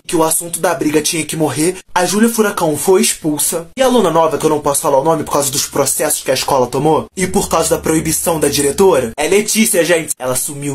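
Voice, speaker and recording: A man telling gossip stories from school and daily life casually, animated and chatty with his viewers. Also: a little high, slightly rough. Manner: quick, animated, addressing viewers as "gente". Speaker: storyteller.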